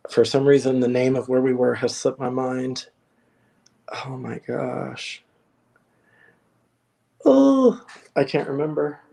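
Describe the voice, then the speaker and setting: A young adult man talking as a guest on a video call, telling a personal story in an earnest, reflective way with many hesitant pauses. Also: medium pitch, expressive, creaky, mellow. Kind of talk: casual chat.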